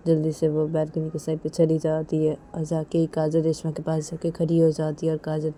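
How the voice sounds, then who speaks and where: A woman's voice: low-pitched, completely flat delivery, normal speed, warm tone, a little hiss or hum. A woman narrating a romance story in a casual, repetitive storytelling manner. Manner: simple, repetitive phrasing with many linking 'then's.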